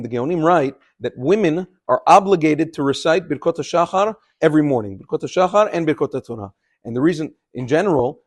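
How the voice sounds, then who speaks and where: A man giving an explanatory religious lesson as a rabbi, instructing in English sprinkled with Hebrew terms. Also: a little high. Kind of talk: religious lecture, explanatory, partly unscripted.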